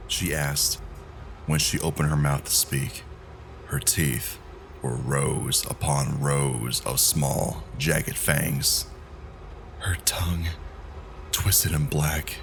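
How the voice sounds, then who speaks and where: A man narrating a horror story in a measured, grim, scripted style. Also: rumbling low, fairly even intonation, vocal fry, a bit bright, a little hiss or hum.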